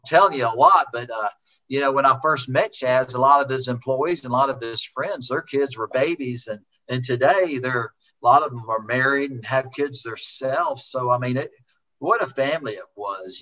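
A man's voice: medium pitch, pushed and bright. A middle-aged man, a racing driver, rambling and repeating himself as he remembers a friend in a heartfelt conversation. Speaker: racing driver, interview guest. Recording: dull lo-fi sound.

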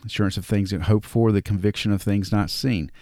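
A man with a Southern drawl talks casually through Bible verses, reading scripture aloud between loose, conversational asides. His voice sits fairly low, and the recording is dry and close. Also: fairly even intonation, fairly quick, dark tone, dry recording. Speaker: podcast host. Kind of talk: casual Bible study talk.

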